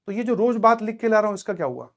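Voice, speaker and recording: A man with a fairly high voice talks to his students like a coaching teacher. He tells a story with lots of animation and keeps checking that they follow along. It sounds like an ordinary motivational class talk. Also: fast. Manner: animated storytelling, addresses students directly with frequent "samajh mein aaya?".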